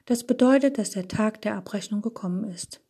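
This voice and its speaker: Lady doing a creepy obsessed waiter guy, hard and menacing, breathy voice. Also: medium pitch, brisk, warm tone. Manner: hard and threatening. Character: menacing fanatical male waiter with a pistol.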